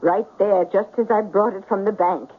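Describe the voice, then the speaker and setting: Her voice is mid-range, husky and natural, held steady at a moderate pace as this older woman voices a trusting, hospitable little old lady in a 1970s radio play. The warm, fussing, motherly chatter comes through a noisy, narrow-band recording.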